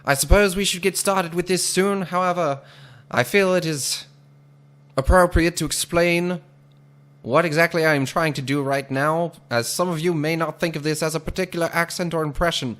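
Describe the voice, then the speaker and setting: A man's voice: fairly high pitch, steady tone, moderate pace, a bit bright, voice pushed up, natural voice. Man doing a formal old-time 1940s radio announcer. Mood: grandly formal. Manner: formal, wordy, theatrical announcing.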